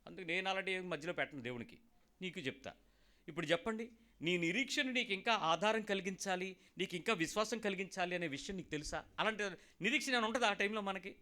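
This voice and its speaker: High, bright-voiced man preaching with humor. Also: quick pace. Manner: lively, joking, talks straight to listeners and acts out callers. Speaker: pastor. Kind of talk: sermon.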